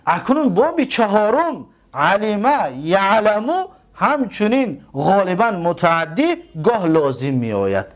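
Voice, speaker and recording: A man teaching a grammar lesson, slowly stretching out and repeating each word form. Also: high voice, big pitch swings. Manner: slow, drawn-out repetition of word forms.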